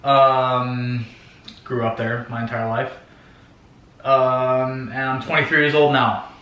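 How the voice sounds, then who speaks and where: A man's voice: mid-range voice, takes it slowly, dull audio. Man in his twenties, echoey room. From Oregon, United States. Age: 20s. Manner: relaxed, hesitant with many ums. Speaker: vlogger, youth missions worker. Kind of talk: casual Q&A chat.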